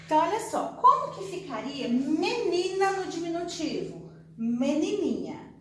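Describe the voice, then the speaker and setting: High-voiced Brazilian teacher in an echoey room. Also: female voice, a bit bright. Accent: Brazilian Portuguese. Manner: speaks of herself in the third person, chatty, acts out pupils' questions. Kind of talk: recorded online class for children. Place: classroom or room at home with a whiteboard. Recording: echoey room, faint background noise.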